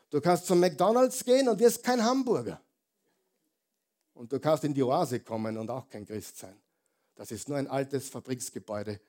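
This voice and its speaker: A man preaching a sermon as a pastor, emphatic and animated, throwing rhetorical questions to the congregation. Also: mid-range voice.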